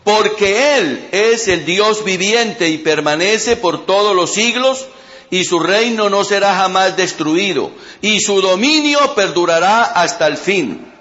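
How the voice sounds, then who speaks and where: A man preacher voicing King Darius as a grave monarch who speaks in solemn, measured words. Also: high-pitched, animated, sharp tone, lo-fi sound, full character voice. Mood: proclaiming. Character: King Darius, an anxious then awed monarch.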